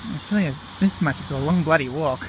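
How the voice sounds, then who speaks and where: An Australian man narrates his walk in an easy, chatty way, dropping "righto" and little fillers. His voice sits a touch high. The camera mic picks him up outdoors, with insects and distant traffic clearly audible behind him. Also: brisk. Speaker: vlog host. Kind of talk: casual walking vlog narration. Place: outdoors on a disused railway platform in a park. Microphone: handheld camera mic while walking.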